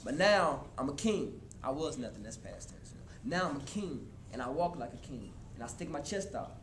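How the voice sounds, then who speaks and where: A man in his twenties giving a motivational talk to a live college audience, casual and animated, speaking straight to the crowd. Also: medium pitch, brisk. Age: 20s. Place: college hall before an audience. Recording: echoey hall with room noise.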